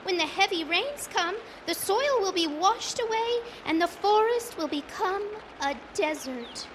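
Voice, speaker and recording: Storybook part: an excitable female monkey, high-pitched and chattering, played by a woman. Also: a little hiss or hum, exaggerated voice. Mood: agitated. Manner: high, quick chattering delivery.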